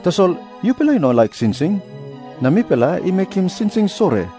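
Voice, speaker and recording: A man with a Papua New Guinean accent playing an earnest prophet who preaches deliberately in a dramatised scripture reading. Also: high-pitched, sing-song, warm tone, faint music behind. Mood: earnest teaching. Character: Jesus, earnest preaching prophet addressing crowds.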